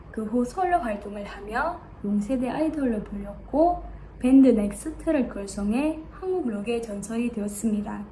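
A woman's voice: a little high, mellow, low-quality recording. A young woman with an Indonesian accent gives a formal, rehearsed contest speech. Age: young adult. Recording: clear background noise.

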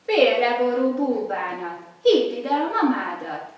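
A woman's voice: on the high side, sing-song, muffled recording. A woman playing a bossy, boastful rooster in a children's stage play, crowing and blustering. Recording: echoey hall from far off.

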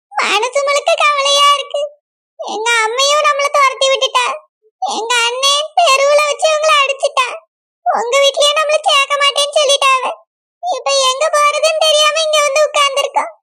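A woman's voice: very high voice, steady tone, moderate pace, pushed and bright. A woman voicing an anxious young bride with a Kanyakumari accent, fretful and self-blaming. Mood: worried. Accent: Kanyakumari Tamil. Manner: fretful, pleading questions.

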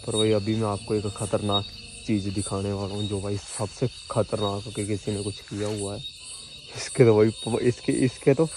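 A young man in his twenties with a lowish voice films a solo camping vlog on a phone held at arm's length, in a forest at night and inside a small tent. He speaks nervously, stammering and restarting words, with background noise audible.

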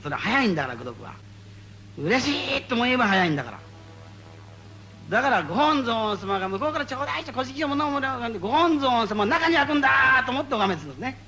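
A man giving spoken Buddhist guidance to a gathering, playful and animated, repeating phrases for emphasis. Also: extremely high pitch, fast talker, soft background music. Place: meeting before a live audience.

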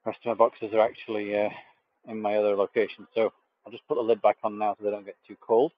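A man's voice: on the low side, fast, no echo, lo-fi sound. A man hosting a live beekeeping stream, talking casually with many fillers as he inspects a hive outdoors. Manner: relaxed, hesitant with many fillers. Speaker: beekeeper host. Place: outdoor bee yard. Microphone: camera mic, speaker off frame.

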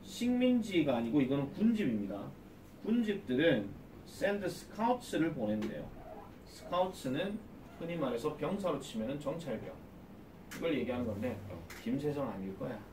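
Male teacher, classroom lecture, lively pitch, quizzes students, distant echoey sound, faint background noise. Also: moderate pace. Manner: animated, asks students questions and answers them himself. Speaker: academy English teacher.

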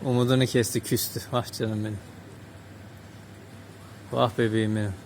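A man filming a casual street vlog, speaking softly and tenderly to stray cats outdoors. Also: mid-range voice, level tone, normal speed, a little hiss or hum. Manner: tender, coos and baby-talks to stray cats. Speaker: vlogger. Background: cats meowing, faint street ambience.

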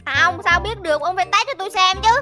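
A woman co-hosting a game video in playful casual chat, with quick squealing reactions and teasing. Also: very high-pitched, bright, forceful tone, soft background music. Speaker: co-host gaming partner.

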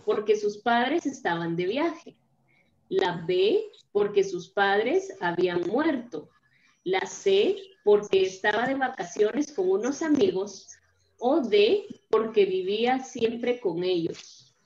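A woman's voice: medium pitch, expressive, takes it slowly, darkish tone, reverberant, dull audio. A woman teaching a primary school class online. She explains things patiently, step by step, and keeps checking in with her pupils.

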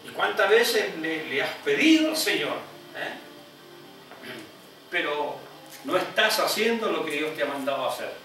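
High-pitched emphatic preacher in an echoey hall. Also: male voice, sing-song, a little slow, pauses often, bright, forceful tone, faint music behind. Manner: emphatic, rising to high pitch on repeated phrases, frequent "¿eh?" asides. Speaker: evangelist preacher. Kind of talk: sermon. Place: church. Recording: echoey hall, heard from a distance.

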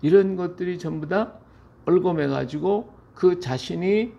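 Middle-aged male pastor, Bible-study teacher, gravelly mellow voice, plain colloquial explaining. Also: high-pitched, a little slow, highs cut off. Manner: paraphrases scripture in blunt colloquial speech, frequent rhetorical "예?". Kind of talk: Bible reading commentary.

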